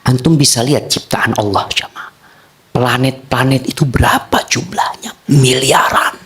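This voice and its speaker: A man preaching a storytelling sermon, acting out the dialogue in sudden high and low voices. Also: fairly even intonation, normal speed, fairly bright tone. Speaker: Islamic preacher.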